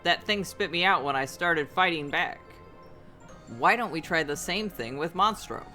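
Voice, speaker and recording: A man's voice: fairly high pitch, normal speed, bright, forceful tone, soft background music. A man reading aloud the lines of an eager wooden puppet boy from a video game, in a slightly raised voice.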